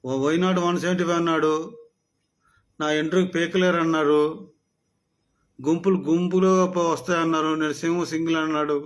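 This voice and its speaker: Man, fairly high voice, scolding political rant; sarcastic, mocking delivery. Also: level tone, fairly quick, long pauses. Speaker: political commentator. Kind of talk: political rant addressed to a rival.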